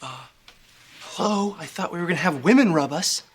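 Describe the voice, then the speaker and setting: A man's voice: high-pitched, animated, moderate pace. A young man acting in a sitcom as a goofy, easily rattled dad, blunt and exclamatory. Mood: uneasy, boastful. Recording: very noisy sitcom soundtrack.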